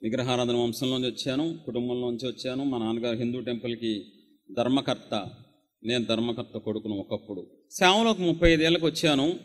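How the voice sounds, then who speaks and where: A man's voice: mid-range voice, fairly quick, long reverb tail. A man in his forties preaching a sermon as a pastor, impassioned and piling up repeated phrases. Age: 40s. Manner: impassioned, repetitive lists.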